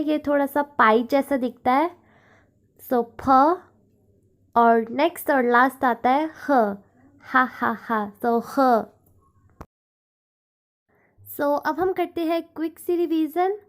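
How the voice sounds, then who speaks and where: A language teacher with a high voice goes through a foreign alphabet's sounds step by step, slowly and with many pauses. She repeats each sound and offers simple example words.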